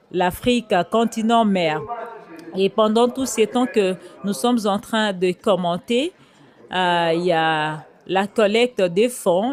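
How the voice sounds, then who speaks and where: A man with a raised, high voice speaks slowly to a congregation. He hesitates often, filling gaps and repeating himself as he makes his points. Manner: hesitant, repeats words and fills pauses. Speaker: speaker addressing a church service. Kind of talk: halting address with many fillers. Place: outdoor church gathering.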